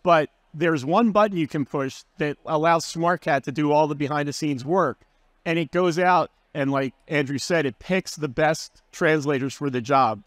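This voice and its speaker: A man's voice: on the high side, moderate pace, no room sound. Upbeat man explaining a workflow. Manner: casual, enthusiastic, explaining with fillers. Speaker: guest speaker, learning and development manager. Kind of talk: conference session talk.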